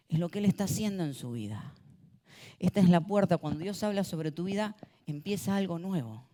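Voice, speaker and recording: Man preaching a lively sermon. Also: high voice. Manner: animated, calls congregation to repeat words. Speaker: pastor. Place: church auditorium. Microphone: handheld or stage mic.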